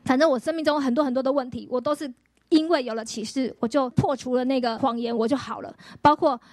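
A woman pastor, giving a lively healing testimony sermon full of acted-out quotes and rhetorical questions. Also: sits high, quick pace, no echo, studio quality.

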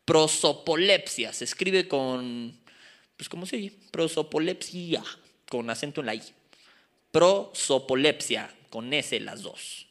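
A man preaching a lively Bible study, joking and asking the congregation to repeat after him. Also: medium pitch, normal speed. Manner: animated, joking, asks the crowd to repeat.

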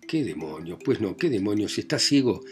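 A man's voice: lowish voice, very animated, fairly quick, faint music behind. A man voicing a furious, impatient young man who speaks in a curt, exasperated way in a storybook reading.

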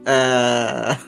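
A man's voice: mid-range voice, creaky. Hesitant man running a tabletop game. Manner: hesitant, full of fillers and frequent laughs. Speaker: game master.

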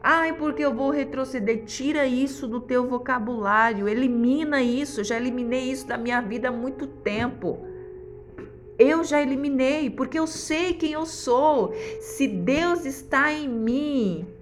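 A woman's voice: high voice, unhurried. A woman pastor, preaching a devotional sermon in a fervent, exhorting way with repeated refrains.

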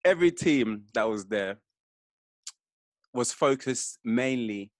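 A man co-hosting a podcast, boastful and quick to laugh. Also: medium pitch, expressive, no room sound, studio quality. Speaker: podcast co-host. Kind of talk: casual podcast chat.

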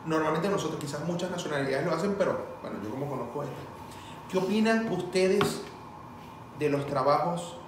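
A man's voice: a little high, fairly quick. A man with a Venezuelan Spanish accent chatting casually, telling stories and acting out the voices of the people in them. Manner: animated storyteller acting out quoted dialogue. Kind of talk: casual chat. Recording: echoey room, far from mic, faint noise.

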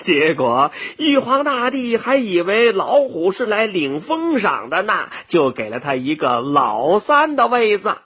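A man telling a children's fable with playful expression. His voice sits high and swings widely. It has a bright, slightly husky tone. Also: very animated, a little slow, few pauses. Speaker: storyteller for children. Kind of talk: children's story narration.

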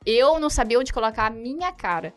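A woman's voice: on the high side, animated, fairly quick, faint music behind. A Brazilian woman tells a travel story in casual conversation. She laughs often, acts out dialogue and keeps checking in with tag questions. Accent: Brazilian Portuguese. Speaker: guest telling a travel story.

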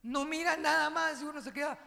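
A man's voice: very high-pitched, a little fast, creaky, sharp tone, big-room sound. A man, a pastor preaching a sermon who tells a story and then rouses his church into repeating after him. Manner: storytelling then rousing call-and-response preaching. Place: church hall.

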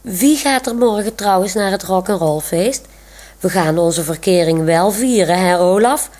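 A woman's voice: mid-range voice, measured pace, darkish tone, lightly acted. Monique, a woman reading as a bubbly young woman. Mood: affectionate. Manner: giggly, teasing.

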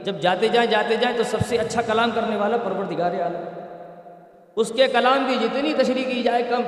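A man giving a sermon, teaching by story and rhetorical questions. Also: very high-pitched. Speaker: preacher. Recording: echoey hall, voice from far off.

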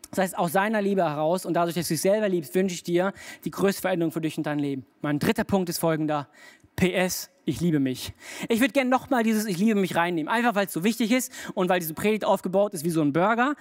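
A preacher giving a casual sermon, talking straight to the listeners in loose everyday speech and coming back to key phrases for emphasis. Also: mid-range voice. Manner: colloquial, direct address to listeners.

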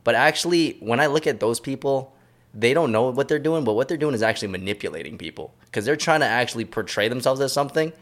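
A man's voice: mid-range voice, lively intonation, fast talker. A man in his early thirties, a podcast host, talking in a reflective, laid-back way in a casual chat. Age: 30s.

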